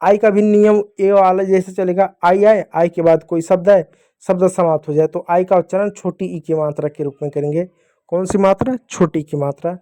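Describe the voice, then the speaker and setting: Guy with a high but mellow voice teaching little kids phonics, slow and patient, keeps asking then answering himself. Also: fairly even intonation. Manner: patient, repeats each rule as a question and answer. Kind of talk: phonics lesson for young children.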